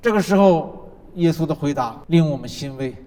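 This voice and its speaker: A man's voice: expressive, normal speed. Emphatic male preacher in a reverberant hall. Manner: emphatic preaching with rhythmic repetition; swings from loud declarations to soft, low asides. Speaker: pastor. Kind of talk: sermon. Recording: long reverb of a large hall.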